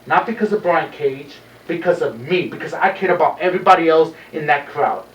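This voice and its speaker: A man's voice: on the high side, brisk. A man co-hosting a wrestling show, brash and boastful, dropping Spanish phrases into his talk. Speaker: wrestler and co-host. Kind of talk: boastful wrestling promo chat. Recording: echoey room, distant mic, faint noise.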